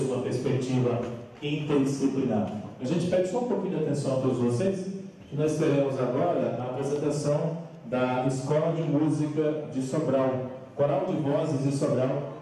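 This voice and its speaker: A Brazilian man acts as master of ceremonies, presenting performers with a formal, grand entrance announcement. His voice is fairly high and mellow. It comes through a distant mic in a very echoey hall. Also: a little hiss or hum.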